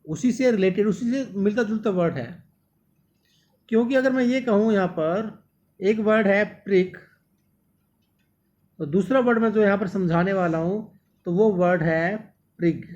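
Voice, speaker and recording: High-voiced man teaching vocabulary. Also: moderate pace, pauses often, a little mellow, highs cut off. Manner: repeats words often and calls the students "my dear". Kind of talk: exam-prep vocabulary lesson.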